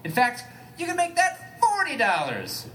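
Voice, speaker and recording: A man doing a high squeaky voice for a nervous, panicky man who keeps pleading. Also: wildly swooping pitch, measured pace, fairly bright tone, exaggerated voice. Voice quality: squeaky falsetto.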